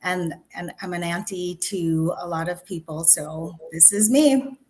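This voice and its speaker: A woman's voice: on the low side, a little slow, a little mellow. A woman pediatrician from Zambia, answering interview questions in an earnest, explanatory way. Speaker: pediatrician, guest.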